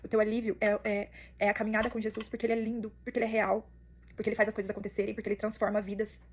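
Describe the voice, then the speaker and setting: Young woman, earnest testimony, very quick delivery. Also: medium pitch, flat delivery. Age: young adult. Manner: emotional, earnest, fast-flowing storytelling. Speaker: testimony speaker. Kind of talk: personal testimony.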